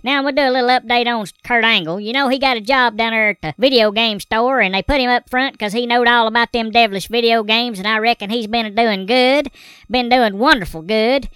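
A man's voice: extremely high pitch, fairly even intonation, a little fast, bright, forceful tone, clear, resonant tone, no room sound, pitched above the performer's own voice. A man voicing a folksy old Southern hillbilly man who rambles in a country drawl, with a Southern accent. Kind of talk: comedy character bit.

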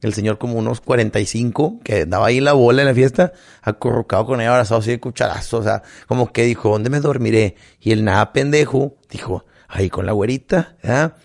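A man's voice: mid-range voice, fast, gravelly. A man with a Mexican accent, chatting casually on a podcast with short replies and crude slang. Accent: Mexican Spanish. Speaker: podcast co-host. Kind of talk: casual chat.

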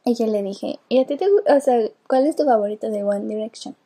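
High, husky giggly Mexican young woman. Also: fairly quick. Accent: Mexican Spanish. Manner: giggly, animated storytelling. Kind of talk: casual chat.

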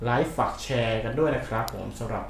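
A man's voice: lowish voice, fast talker, roomy sound, slight background noise. A man co-hosting a casual live-streamed talk show in Thai, politely greeting viewers and new members. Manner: polite, greets viewers, ends lines with formal particles. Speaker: co-host of a live podcast.

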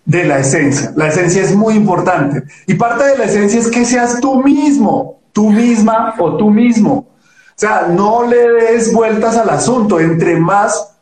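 A man's voice: high-pitched, measured pace, darkish tone, echoey room, poor audio. A man hosting an interview as a producer, enthusiastic and rambling, often repeating his words. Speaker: host, producer. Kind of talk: casual interview talk.

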